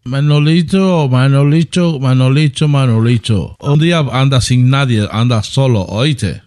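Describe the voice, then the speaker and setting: A man's voice: mid-range voice, a little mellow, pitched below the performer's own voice, lightly acted. A man putting on a Mexican accent to play a menacing gangster's messenger on a prank phone call. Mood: threatening. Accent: put-on Mexican. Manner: slow, threatening, gravelly.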